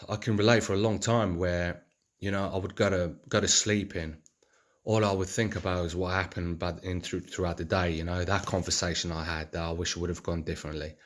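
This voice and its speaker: A man's voice: sits low, fairly even intonation, fairly quick. A man speaking in an earnest, rambling reflective monologue, with many fillers and restarts. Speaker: vlogger.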